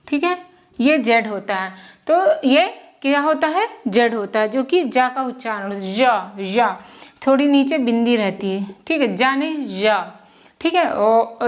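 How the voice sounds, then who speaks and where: A woman teaching English pronunciation at a whiteboard, often asking a question and answering it herself and repeating sounds slowly. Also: fairly high pitch. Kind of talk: whiteboard lesson in Hindi. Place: classroom with whiteboard.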